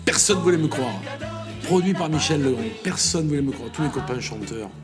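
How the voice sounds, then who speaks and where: A man with a southern French accent, a singer, telling lively anecdotes in an interview and laughing often. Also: a little high, fairly quick, over music. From south of France. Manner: lively storyteller, laughs often, acts out dialogue. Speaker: singer guest. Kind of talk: storytelling interview.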